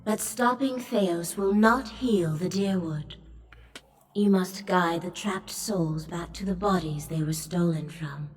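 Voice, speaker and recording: An actress playing a regal, motherly sky goddess in a fantasy game, speaking in a solemn, lofty, measured goddess voice. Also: lowish voice, recorded from a distance. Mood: solemn, commanding. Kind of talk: fantasy video game voice acting. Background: game music.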